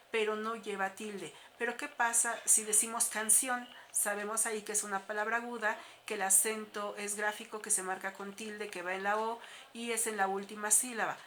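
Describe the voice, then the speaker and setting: Bright-voiced woman teaching a lesson. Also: mid-range voice, a little hiss or hum. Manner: explanatory, steady, with frequent "eh" fillers. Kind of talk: recorded class lesson.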